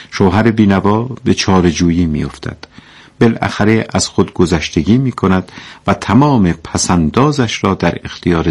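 A man giving measured scripted narration and explaining a story. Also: low voice, slightly rough.

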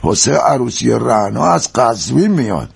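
An actor playing a proud, teasing traditional husband and shopkeeper who is husky and boastful. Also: male voice, medium pitch, very animated, heavily acted. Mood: jovial.

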